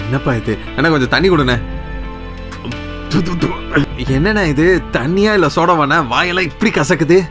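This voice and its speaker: An actor dubbing a simple, grieving young stone-breaker who talks in a plain rustic way, sometimes tearful. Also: male voice, fairly high pitch, normal speed, fairly bright tone, faint music behind, lightly acted. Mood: anxious. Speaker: lead character. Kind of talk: Tamil film dub.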